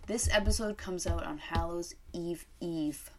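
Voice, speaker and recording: A woman's voice: fairly low pitch, a little slow, slight background noise. A woman co-hosting a podcast in casual, sweary banter, sounding nasal and stuffed up with a cold. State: sick with a cold. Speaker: podcast co-host.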